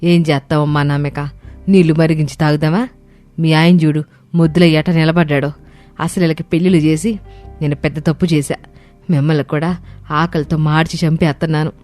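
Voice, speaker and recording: A woman voicing an older village mother-in-law who scolds her idle sons in an animated story. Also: deep voice, faint music behind, close to an everyday voice. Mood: scolding. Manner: scolding, quick.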